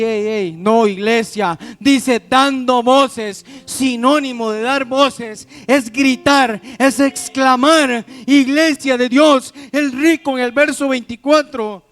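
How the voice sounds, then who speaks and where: A man preaching a pentecostal sermon, calling out to the congregation with questions. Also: extremely high pitch. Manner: addresses the congregation as "iglesia", asks questions to the crowd. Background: instrumental music.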